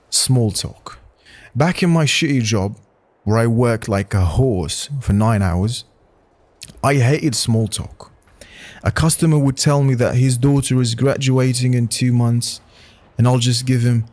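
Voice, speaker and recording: With a medium-pitched, slightly mellow voice, this man reads posts aloud and gives his own blunt takes on them. He swears casually and restarts often as he reacts.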